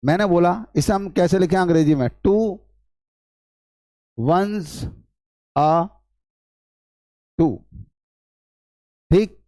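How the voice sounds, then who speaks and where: A man with a Hindi accent gives an English grammar lesson in a lively classroom manner and keeps putting questions to his students. His voice sits somewhat high but sounds mellow, and the recording is dry and close. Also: slow pace, long pauses, no room sound. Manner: explains step by step, quizzes the class with questions. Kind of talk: classroom lecture.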